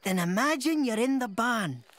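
A man voicing a hearty, encouraging young highlander in a cartoon, with a Scottish accent and the jovial manner of a laird. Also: expressive, moderate pace, fairly bright tone. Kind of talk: animated series voice acting. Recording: music behind the voice.

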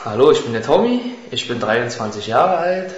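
A man in his twenties giving a halting, rehearsed self-introduction at a casting interview, in a small room on a handheld mic. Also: mid-range voice, very animated. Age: 20s. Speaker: model contestant. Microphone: handheld mic held by interviewer. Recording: echoey room, slightly dull, faint hiss.

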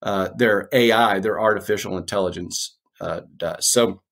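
A middle-aged man hosting a podcast, introducing his guest in a rambling, halting way with many restarts. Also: fairly low pitch, vocal fry, a bit bright. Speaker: podcast host. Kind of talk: casual interview intro.

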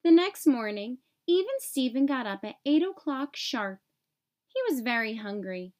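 Her voice sits high and her pace is a little slow as this woman reads a children's picture book aloud. She's an expressive storyteller, shaping each phrase clearly for little listeners.

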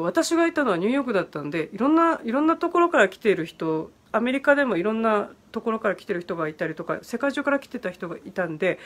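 A woman hosting a casual livestream, reading viewer comments aloud and answering their questions in a friendly, chatty way. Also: mid-range voice. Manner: friendly and chatty, many fillers, answers questions on English pronunciation. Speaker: host of an online virtual bar stream.

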